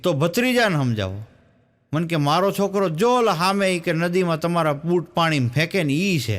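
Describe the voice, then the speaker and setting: A male stand-up comedian, telling jokes as stories and acting out the dialogue. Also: high voice. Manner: storytelling, acts out the dialogue in his jokes. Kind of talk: Gujarati folk joke telling.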